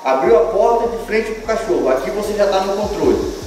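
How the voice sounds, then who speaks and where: In a big, strongly reverberant room, a man with a Brazilian accent talks through a dog-training lesson at some distance from the mic. His voice sits on the higher side, and he explains each step informally, repeating phrases to stress them. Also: expressive, a little fast, darkish tone. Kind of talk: informal instructional demonstration. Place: large bare tiled room indoors. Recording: very echoey room, distant mic, background music.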